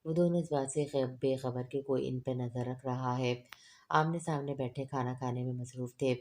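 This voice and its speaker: A woman narrating a romance novel in a steady, unhurried storybook reading. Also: a bass voice.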